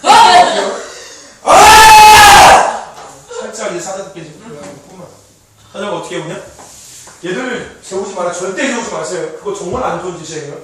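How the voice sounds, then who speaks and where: A man's voice: sits high, quick pace, over a noisy crowd. A man preaching to young people in a church hall, calling for amens and quizzing his listeners. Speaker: youth pastor. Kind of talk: sermon to youth. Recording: echoey hall, distant mic, faint noise.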